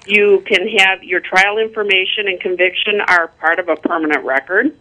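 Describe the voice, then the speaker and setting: A caller on a clipped phone line, talking casually and hesitantly with many pauses and ums. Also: medium pitch, steady tone, pushed and bright. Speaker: call-in listener. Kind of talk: casual call-in comments.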